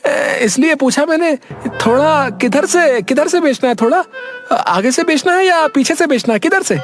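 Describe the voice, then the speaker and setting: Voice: high voice, lively intonation, normal speed. A performer voicing a foolish, bumbling village husband in a cartoon, whiny and pleading. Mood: boastful. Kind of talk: cartoon voice acting. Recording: music behind voice.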